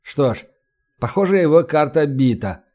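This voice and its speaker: A man reads an audiobook in an even, measured narration. His voice sits slightly above the usual male range. He keeps a steady storytelling delivery. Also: a little high. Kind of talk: scripted narration.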